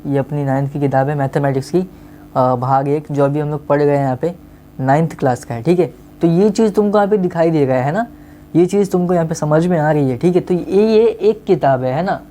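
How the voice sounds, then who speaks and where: A man's voice: fairly high pitch, warm tone, a little hiss or hum. A male teacher gives a casual online maths lesson, coaxing his students and often checking that they have understood.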